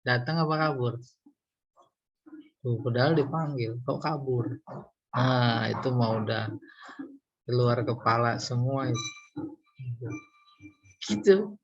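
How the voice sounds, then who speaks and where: A man lectures slowly with a husky grain, his carrying a lilt. He teaches Quran commentary in a teasing, animated way while working through Arabic grammar terms. The recording sounds dull and lo-fi. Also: mid-range voice. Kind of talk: religious study lecture.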